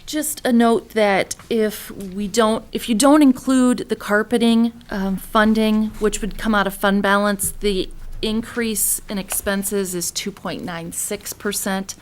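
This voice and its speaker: A woman's voice: mid-range voice, steady tone, measured pace, hardly any pauses. A woman who acts as library director and explains matters plainly at a public board meeting, with some fillers. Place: meeting room.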